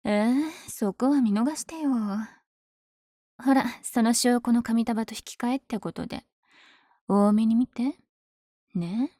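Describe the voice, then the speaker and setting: Villainess for ASMR audio drama, female actor: dark velvety tone, cocky, smitten with her rival, teasing delivery, dry intimate sound. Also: a little high, takes it slowly, pauses often, no room sound. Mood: playful, cocky. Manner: teasing, breathy asides. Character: powerful flirtatious villain lady, smitten with her hero rival.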